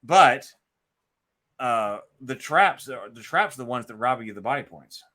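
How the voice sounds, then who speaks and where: This man's medium-pitched voice is sharp in tone, animated yet unhurried. Running a solo board game session, he casually talks through each move and dice count as he thinks, like live play-by-play commentary.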